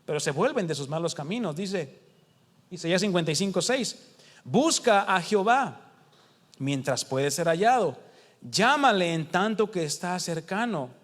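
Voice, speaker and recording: A Mexican man preaching in a house of prayer, his voice sitting high for a man. He talks conversationally, asks the congregation rhetorical questions and acts out the quotes he reads. The sound rings with the long reverb of the hall. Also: lively intonation, a little slow, a bit bright. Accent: Mexican Spanish. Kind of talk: sermon.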